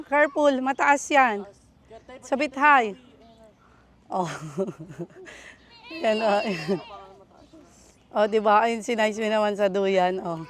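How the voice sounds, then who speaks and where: A woman's voice: a little high, fairly bright tone. A woman from the Philippines giving an upbeat, chatty vlog tour of an outdoor farm, often laughing, filmed on a handheld phone. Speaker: vlogger.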